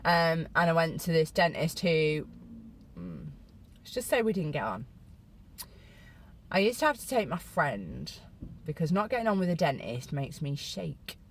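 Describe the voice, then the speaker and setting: A middle-aged woman from Britain talks straight to the camera in a low, easy voice. She tells her story casually, poking fun at herself, and her pitch shoots up high when she wants to stress a point. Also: sing-song, measured pace, slight background noise. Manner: chatty, self-mocking, with sudden high squeals for emphasis. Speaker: vlogger.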